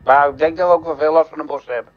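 Dull-sounding, higher-pitched man on voice chat. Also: fairly even intonation, racing. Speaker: squad player in a military simulation game. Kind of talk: casual team chat during gameplay.

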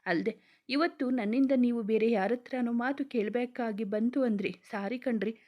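Casting: woman doing a gentle, heartbroken young man for a storybook, soft pleading lines, slightly high. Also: moderate pace, natural voice. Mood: sad. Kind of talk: storybook reading.

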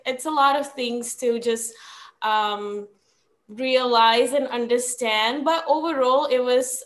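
A young woman from Sri Lanka, a podcast guest talking over a video call, earnest and reflective with frequent ums. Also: on the high side. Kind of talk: casual conversational storytelling. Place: small room at home.

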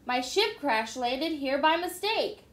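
A boastful male toy space ranger from a storybook, as a woman reading aloud puts him on, declaring everything grandly. His voice sits high and ringing. The reading is recorded in an echoey room. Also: animated, slow, fairly bright tone, full character voice. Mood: proud.

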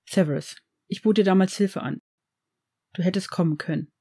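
Woman reading old wizard headmaster, earnest, measured, mellow, fan-fiction audiobook. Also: lowish voice, breathy edge. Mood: grave. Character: old male headmaster, grave and gentle.

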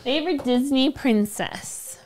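A woman's voice: high-pitched, unhurried, a little mellow. A young adult woman hosting a casual birthday livestream, playful and giggly, chatting with her co-host. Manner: giggly, playful, reads chat aloud. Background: faint background music.

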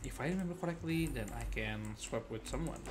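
Speaking briskly and expressively in a mid-range voice, a young game streamer gives playful, casual let's-play commentary, muttering and repeating phrases to himself. He's indoors at a gaming desk, and the background is noisy with game music and keyboard clicks.

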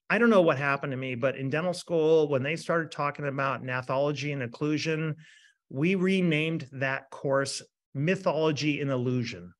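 Man in his fifties, dentist running a lively online lecture, fairly high voice, peppers his points with "right?". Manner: animated, asks rhetorical "right?" often. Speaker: dentist presenting a webinar. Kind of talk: energetic lecture.

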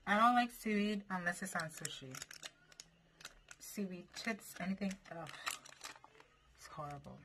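A woman's voice: fairly low pitch, animated, a little slow, pauses often. A young woman chatting casually to her viewers in a food-challenge vlog, calling them y'all. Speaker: vlogger. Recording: noisy home recording.

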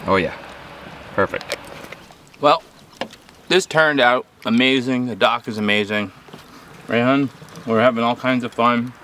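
A man's voice: medium pitch, a little slow, pauses often, bright, forceful tone, slight background noise. An upbeat man hosting a casual family vlog outdoors on a lakeside dock. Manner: upbeat, enthusiastic. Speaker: vlog host.

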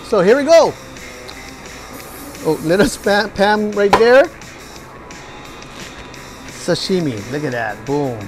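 Showing off dishes in a restaurant kitchen, a Hawaiian man in his forties hypes the food to viewers with an upbeat cooking demo. He talks in a high, very animated voice, taking it slowly with long pauses, while music plays in the background.

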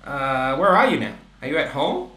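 A man's voice: mid-range voice, moderate pace, faint music behind. Teasing man in an echoey room. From Australia. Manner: animated and teasing, switching between languages. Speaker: YouTuber host. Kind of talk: playful video-call chat. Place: home room with desk, indoors. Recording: echoey room with background noise.

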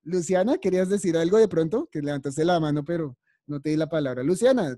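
A woman's voice: low-pitched, lively intonation, fast talker, mellow, dry recording, clean studio sound. Encouraging woman teaching preschoolers. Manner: patient, encouraging, calls on children by name. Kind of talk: online class teaching vocabulary.

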